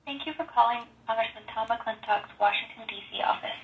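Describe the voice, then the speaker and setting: A woman's voice: a little high, fairly quick, low-quality recording. Woman's formal voicemail greeting over a phone. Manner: formal, even, scripted. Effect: heard over a landline phone. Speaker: congressional office voicemail greeting.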